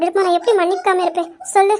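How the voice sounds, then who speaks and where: A woman's voice: extremely high pitch, fairly even intonation, racing, darkish tone. A woman voicing a sweet-talking young wife in an amateur family drama, pleading, coaxing and teasing her husband.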